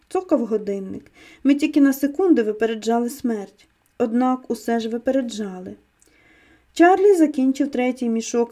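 A woman reads an audiobook aloud with a fairly high, mellow voice. Her delivery is tense and dramatic, pushing hard on urgent commands. The telling stays steady and scripted. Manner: tense dramatic reading of a first-person male story. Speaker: audiobook narrator.

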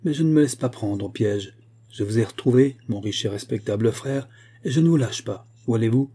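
A man's voice: medium pitch, a little fast, warm tone, breathy edge, lightly acted. A man voicing a bitter, commanding middle-aged man who speaks with mocking scorn. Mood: scornful.

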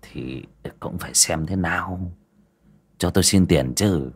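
A man's voice: a bass voice, a little fast, fairly bright tone, slight background noise, pitched below the performer's own voice. A man voicing a coarse, wheedling middle-aged village coffin-maker who talks bluntly in an audio story. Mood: gruff coaxing.

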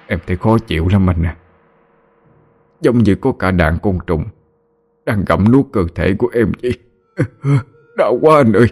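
A man's voice: on the low side, lively intonation, measured pace, long pauses, darkish tone, slightly rough, exaggerated voice. A man voicing a weak, sick middle-aged man who speaks faintly and with strain in a story reading. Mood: pained.

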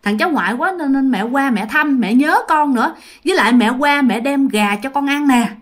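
A woman's voice: high-pitched, brisk, close to an everyday voice. A woman voicing a ghostly old mother, speaking in a coaxing, childlike way. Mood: tender. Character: ghostly old mother, sweet-voiced and eerie.

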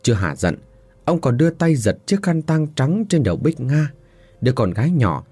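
A man narrating a dramatic story in an expressive audiobook reading style. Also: fairly high pitch, moderate pace, slightly rough, no room sound, soft background music.

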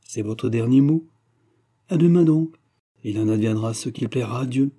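Guy doing a cold scheming young man, clipped and ironic, warm low husky tone. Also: normal speed, lightly acted. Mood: resolute. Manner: curt, ironic.

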